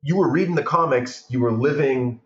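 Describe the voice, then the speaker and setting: A Portuguese-born film director, appearing as a podcast guest, chats casually in a medium-pitched, brisk voice. He tells long, rambling anecdotes with animated storytelling, and the recording sounds roomy and muffled.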